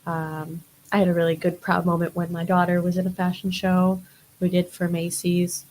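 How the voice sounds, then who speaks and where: A woman's voice: fairly low pitch, completely flat delivery, moderate pace, darkish tone, slight background noise, poor audio. A young woman, a model, chatting casually as an interview guest, rambling with many fillers.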